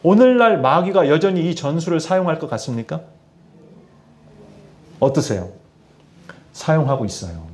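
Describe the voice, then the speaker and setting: A man's voice: fairly high pitch, normal speed, long pauses. A middle-aged male pastor preaching a sermon to his congregation, often asking them questions. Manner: addresses congregation with questions, lively emphasis. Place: church in Tianjin, China.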